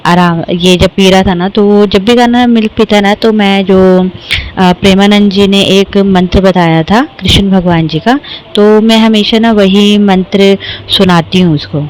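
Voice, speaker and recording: Young woman chatting over her vlog footage, mid pitch, laughs at herself a lot, faint noise behind. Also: a little slow, poor audio. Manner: chatty, self-mocking, animated storytelling. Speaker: vlogger and mother. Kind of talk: casual vlog voice-over narration.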